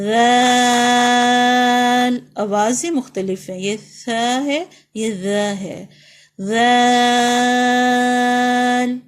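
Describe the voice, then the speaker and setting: A woman with a Pakistani accent, a teacher leading a beginners' reading lesson, who calls out each letter loudly and drawn out, then explains it softly. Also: medium pitch. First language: Urdu.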